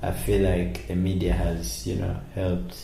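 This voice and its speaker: A man giving a short interview answer in a slow, unhurried way. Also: low voice, completely flat delivery, creaky, dark tone. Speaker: interview guest. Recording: echoey room with faint noise.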